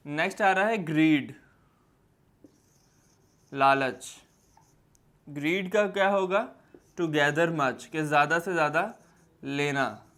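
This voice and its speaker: A man's voice: fairly high pitch, fairly bright tone. A young adult man, teaching a classroom lecture and explaining step by step, repeating key words.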